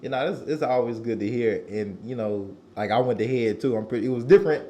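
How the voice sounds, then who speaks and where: A man from Nashville hosts a podcast interview, puts his questions loosely and haltingly, and answers often with a short "right". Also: medium pitch, mellow. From Nashville, Tennessee. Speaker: podcast host. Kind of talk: casual interview.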